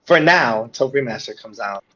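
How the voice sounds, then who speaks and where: A man playing a tabletop game who explains his plans and the rules while thinking out loud. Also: medium pitch, lively intonation, moderate pace, dull audio, a crowd in the background. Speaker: player. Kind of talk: casual tabletop play.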